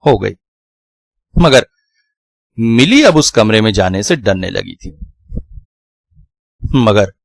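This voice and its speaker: A man telling a scripted horror story in a slow, dramatic, suspenseful way. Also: medium pitch, creaky, no room sound.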